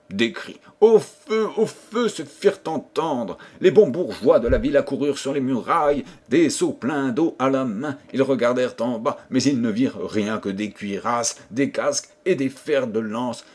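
A man reading a fairy tale for an audiobook, shaping the story with expression. His voice is somewhat husky and his pitch moves up and down a great deal. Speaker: audiobook reader.

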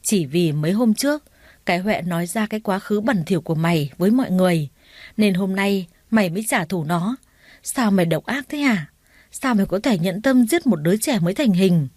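A woman's voice: medium pitch, expressive, a little fast, no room sound, clean studio sound, close to an everyday voice. A woman voicing an angry woman teacher who harshly accuses a colleague. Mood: furious accusing. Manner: angry, scolding, loud.

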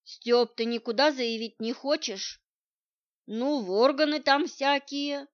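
A woman's voice: high voice, slow pace. A woman reading the part of a sleepy, irritable young male hacker who talks brusquely, on a muffled lo-fi recording. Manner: grumpy, irritable, businesslike. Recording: muffled lo-fi audio.

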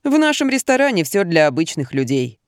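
A friendly, down-to-earth barmaid, voiced by a woman reading aloud, who talks plainly and pities the customer. The pitch moves around a lot, and the sound is dry and close. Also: very animated, a little fast, dry recording. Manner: plain-spoken, pitying. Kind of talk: audiobook reading.

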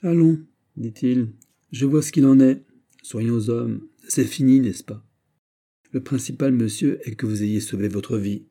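A man voicing a timid, excitable grocer who frets and gushes in a storybook reading. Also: medium pitch, a little slow. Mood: fretful, overjoyed. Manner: fretful, fussing, easily overwhelmed. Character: timid excitable shopkeeper, a grocer and former servant.

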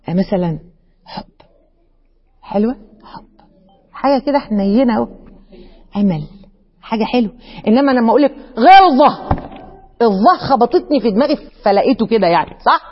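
Fast, lively Egyptian woman teacher. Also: sits high. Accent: Egyptian Arabic. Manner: lively, acts out questions and dialogue. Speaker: Quran teacher. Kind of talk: religious lesson to women. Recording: muffled lo-fi recording in a reverberant hall.

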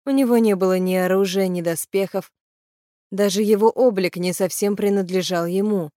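A woman narrates a fantasy audiobook in a steady, even voice of middle pitch. The recording is dry and close, with no room sound around her. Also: normal speed, no room sound. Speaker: audiobook reader. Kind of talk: scripted narration of a fantasy novel.

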